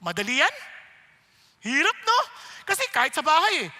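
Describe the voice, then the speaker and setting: A man's voice: very high voice, huge pitch swings, normal speed, pushed and bright. A man preaching a sermon. He asks the crowd rhetorical questions and switches between Tagalog and English. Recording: long hall reverb.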